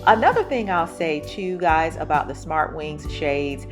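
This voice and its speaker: Low-voiced American woman vlogger, chatty. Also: animated, measured pace, music in the background. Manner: chatty, enthusiastic, addressing viewers directly. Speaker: home renovation vlogger, host. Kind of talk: casual vlog chat to viewers.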